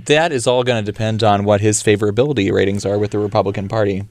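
A man with a fairly low voice, a guest on a radio talk show. He argues political points firmly and matter-of-factly, with a dry, wry humor, into a studio mic with no room sound. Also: steady tone, quick pace, darkish tone, no room sound. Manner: firm, matter-of-fact, wry. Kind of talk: casual political chat.

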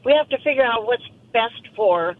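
A woman's voice: on the high side, lively intonation, normal speed. Middle-aged female caller, driving, on a thin phone line; firm, plainspoken. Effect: phone call from a car while driving. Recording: tinny phone line with faint road noise.

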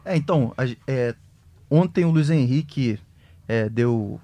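A man reports on a football club, choosing his words slowly and restarting often. His voice is mid-pitched. The sound is dry and close. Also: warm tone, no room sound. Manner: measured, hesitant, many restarts. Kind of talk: casual sports discussion.

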